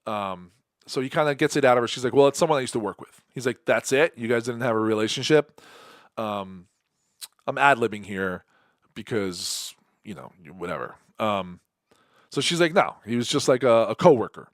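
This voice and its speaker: A man's voice: medium pitch, no echo. Man, podcast host, casual recap, acts out quotes, close dry mic. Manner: animated retelling, acts out lines in quick quoted bits. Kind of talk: casual solo show recap.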